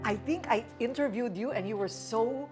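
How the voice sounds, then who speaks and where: A woman's voice: fairly high pitch, moderate pace. A woman hosting a casual interview, teasing her guest and laughing often. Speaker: talk show host. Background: background music.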